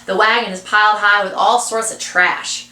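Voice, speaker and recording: Woman read-aloud voice, casual asides, middle pitch, echoing room. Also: steady tone, normal speed, bright, forceful tone. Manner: chatty asides to listeners. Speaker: reader. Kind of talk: reading a children's novel aloud. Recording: roomy echo.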